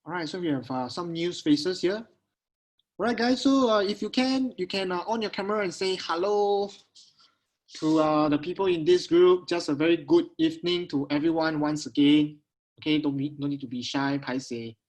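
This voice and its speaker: Casting: Singaporean man as webinar host, slightly high voice, casual Singlish, repetitive check-ins with attendees. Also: normal speed, poor audio. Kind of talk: casual live webinar talk to online attendees. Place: at home on a video call.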